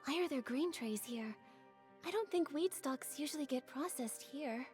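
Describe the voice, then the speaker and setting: Gentle young game heroine girl, high voice, earnest n measured, soft music behind. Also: expressive. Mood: pondering. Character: earnest, thoughtful young female detective heroine. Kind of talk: scripted game dialogue.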